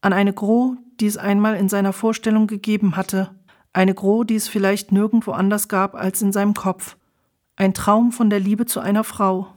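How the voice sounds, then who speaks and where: A woman's voice: mid-range voice, little pitch movement, normal speed, a little mellow. Woman reading a novel aloud. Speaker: audiobook reader. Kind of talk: scripted narration.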